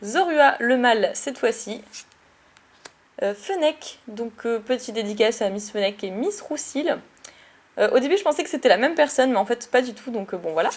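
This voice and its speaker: A chatty, excitable woman with a somewhat high voice, narrating a card-opening vlog. She jumps between card names with fillers and self-corrections, often breaking into giggles. Her tone is casual and playful throughout. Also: normal speed. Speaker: YouTuber opening trading card packs.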